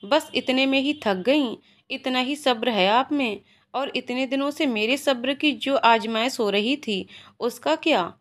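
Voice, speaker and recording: Lady reading as a teasing young husband, low and soft, pitch still a bit up, storybook romance. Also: measured pace.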